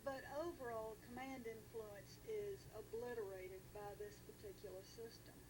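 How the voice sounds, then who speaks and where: An American woman talking casually about politics in a deliberate, measured way with pauses, on a noisy recording. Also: fairly high pitch, fairly even intonation.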